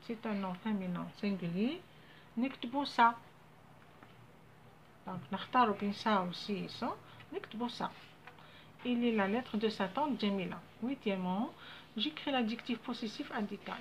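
A woman primary school teacher with an Algerian accent, explaining French grammar in a lesson, reading French slowly and explaining quickly in Arabic. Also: on the high side. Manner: slow, deliberate dictation of French words, switching to fast Arabic explanations. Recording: dull lo-fi audio with faint ambient noise.

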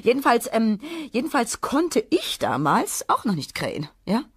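A woman's voice: on the high side, wildly swooping pitch, moderate pace, breathy edge, no room sound, clean studio sound, heavily acted. An actress playing a fussy, chatty grown hen who hems and stammers while she fusses over a chick in a radio play. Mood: fussing. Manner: flustered, fussing, hemming.

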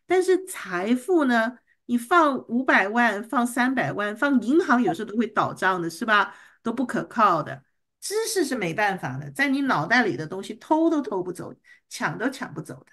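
A woman teaching an online English reading class, patiently coaching students and drilling a word slowly over a video call. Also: on the high side, big pitch swings, a bit bright.

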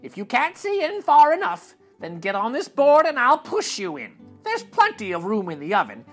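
Shrill old witch, a guy putting her on, cackly crone, sweet then barking orders, husky. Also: wildly swooping pitch, normal speed, fairly bright tone, soft background music, full character voice. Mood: commanding. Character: gnarled old witch, cruel and greedy.

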